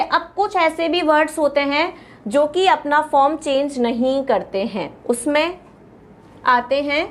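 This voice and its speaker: A woman with an Indian accent teaches grammar in a high, light voice. She is patient, spells out word lists one at a time and repeats them for her students. Faint sounds of writing on a board come through behind her. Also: slight background noise. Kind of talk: classroom lecture explaining grammar.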